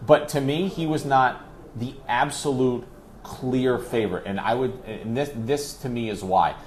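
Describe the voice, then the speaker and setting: With a mid-range, slightly mellow voice at a measured pace, a radio play-by-play announcer talks sports as a guest, and a little hiss or hum sits under the audio. The discussion is animated, and he keeps it emphatic and conversational with rhetorical questions.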